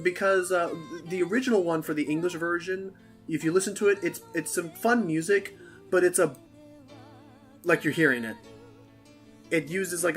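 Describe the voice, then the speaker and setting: A man's voice: fairly high pitch, a bit bright. A man giving casual, rambling and jokey commentary on a video game with friends.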